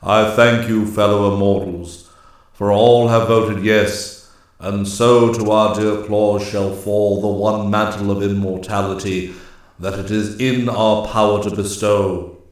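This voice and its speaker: A man voicing a solemn male immortal master of the forest, speaking gravely and slowly in a storybook reading. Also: fairly low pitch, flat delivery, heavy reverb. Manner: grave, slow and declaiming.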